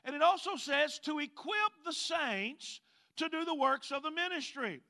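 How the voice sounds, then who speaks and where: Preaching in a Southern US Mississippi accent, this man stretches out emphatic scripture readings and calls on his congregation to answer back. He speaks in a very high, animated, creaky voice that is pushed and bright.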